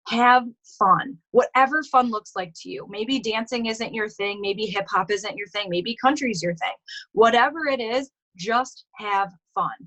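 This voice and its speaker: A woman's voice: fairly high pitch, measured pace, fairly bright tone, dull audio. A woman coach giving motivational tips on a team call, upbeat and informal, with many "like" fillers.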